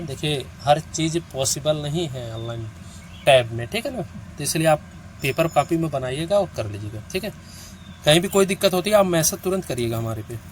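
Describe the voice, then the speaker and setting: A man's voice: on the high side, a little hiss or hum. A male teacher giving an online reasoning lesson. He counts out each step aloud and keeps checking that the listener follows. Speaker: reasoning teacher for competitive exams.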